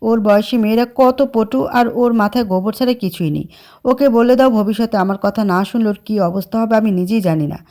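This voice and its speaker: A woman's voice: fairly high pitch, fairly quick, warm tone, lightly acted. A woman voicing a stern, bossy, hot-tempered young man in a dramatized story reading. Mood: angry. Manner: bossy, scolding.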